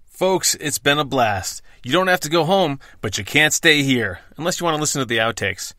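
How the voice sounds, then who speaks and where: Bright, punchy American man, podcast host. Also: a little high, animated, moderate pace, no echo, studio quality. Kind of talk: scripted podcast intro and outro.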